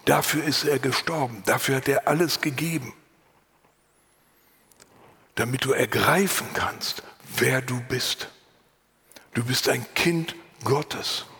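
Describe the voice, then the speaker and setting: A pastor preaching a sermon, earnest and lively, sometimes dropping to a whisper and then rising for emphasis, with a voice he himself calls unusual. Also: mid-range voice, unhurried, long pauses, in a large hall. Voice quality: husky. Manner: earnest, varied, drops to whispers and rises for emphasis. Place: church.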